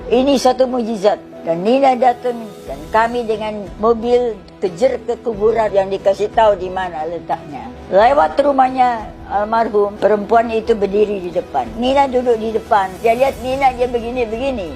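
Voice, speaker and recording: A woman's voice: fairly high pitch, moderate pace, soft background music. An older woman giving a personal faith testimony, telling her story vividly and acting out the voices of the people in it. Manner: animated retelling with acted quoted dialogue. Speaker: testimony giver.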